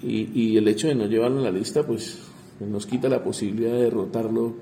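Speaking as a congressman in an interview, a man halts and repeats small words while he searches for his next phrase. His voice is very dark and mellow, lowish in register with fairly even intonation, and a faint noise hums in the background.

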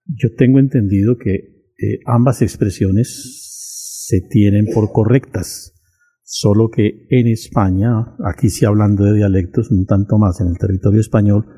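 Formal, husky low-voiced panelist. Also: male voice, fairly even intonation, warm tone. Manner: formal, measured, elaborate phrasing. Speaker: studio panelist.

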